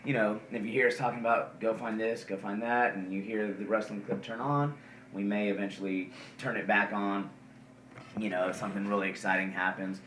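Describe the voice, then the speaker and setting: A man co-hosts a casual wrestling podcast, rambling and dropping lots of ums and uhs. His voice is fairly low, steady and fairly bright, with a brisk pace. The mic sits at a distance in an echoey room with faint noise.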